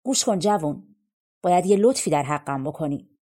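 A woman's voice: low voice, animated, mellow, husky. A woman reading as an anxious old king. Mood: earnest. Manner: earnest and pleading. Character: anxious old king seeking a content man.

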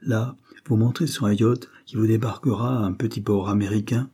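Male reader as an implacable young duke: firm, measured, dark. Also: on the low side, steady tone, husky. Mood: stern.

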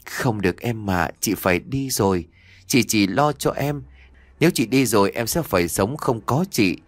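A man's voice: lowish voice, animated, normal speed, no room sound. A man voicing the sad, tender ghost of a teenage girl in an audio story. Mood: sorrowful.

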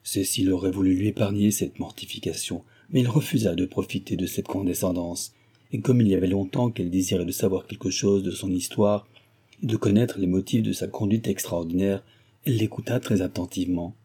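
A man narrating a classic novel in a measured, subdued way. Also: sits low, dark tone, slightly rough. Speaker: audiobook narrator.

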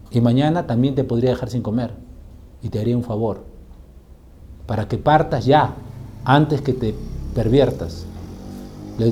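A male pastor preaching a sermon with passion, building up to loud, emphatic peaks. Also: medium pitch.

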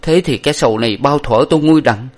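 A man's voice: mid-range voice, fast talker, voice pushed up, close to an everyday voice. A man voicing a loyal young male hero who weeps and laments solemnly. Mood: lamenting.

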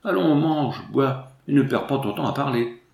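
A man's voice: medium pitch, animated, normal speed, vocal fry, voice pushed up. Man playing an embarrassed young guy, urgent and flustered, echoey room. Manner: urgent, hushed.

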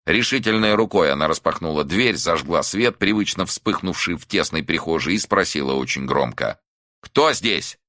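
A man narrating an audiobook in an expressive, measured storytelling manner, close to the mic. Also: extremely low pitch, no echo. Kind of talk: scripted narration.

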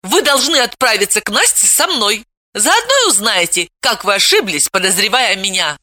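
A woman reading an audiobook, voicing a defiant, provocative young woman who talks loudly and cheekily. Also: medium pitch, animated, moderate pace, no echo, pitched above the performer's own voice. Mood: defiant, brash. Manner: loud, exclamatory, cheeky. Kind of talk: audiobook character voice.

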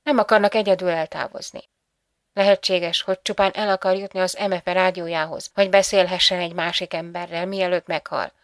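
A woman reading the part of a composed female psychologist speaking gravely in an audiobook. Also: fairly low pitch, fairly even intonation, no room sound, clean studio sound, lightly acted.

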